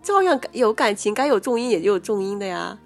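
A woman's voice: mid-range voice, sing-song, fairly quick, faint music behind. A woman co-hosting a casual chat podcast, skeptical and argumentative, who laughs often. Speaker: podcast co-host. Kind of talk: casual chat about a TV drama.

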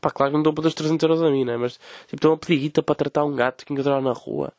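A man's voice: fairly high pitch, fairly even intonation, rapid-fire, darkish tone, no room sound. A young man from Portugal with a European Portuguese accent, hosting a podcast as a casual comedic rant, swearing often and mimicking people in quoted voices. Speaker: podcast host.

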